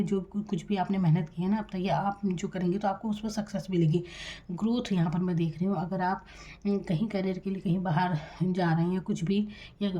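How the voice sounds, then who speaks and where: A woman from India giving a tarot reading, speaking quietly and calmly and addressing the viewer directly with reassurance. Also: lowish voice, muffled recording. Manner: soft-spoken, deliberately quiet. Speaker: tarot reader.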